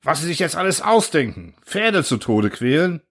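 Wary peasant villagers, voiced by a male reader, questioning and suspicious. The voice is lifted above the reader's own, with lively rises. It belongs to a storybook reading. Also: on the high side, normal speed, voice pushed up.

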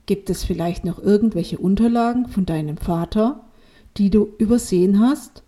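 A woman's voice: medium pitch, normal speed, mellow, natural voice. A woman voicing a kindly male camp leader who gives patient advice. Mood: advising.

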